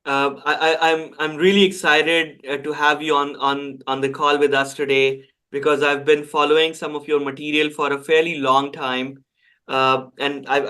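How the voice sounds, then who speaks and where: A man's voice: medium pitch, bright, forceful tone. A man hosting a podcast interview, eager and stumbling, repeating words as he asks questions. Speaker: podcast host.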